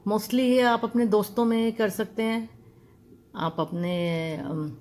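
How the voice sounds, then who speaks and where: A woman's voice: mid-range voice, steady tone, slow, a little mellow. A woman teaching an English lesson, spelling words out letter by letter and drawing out each sound. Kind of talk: classroom-style language lesson.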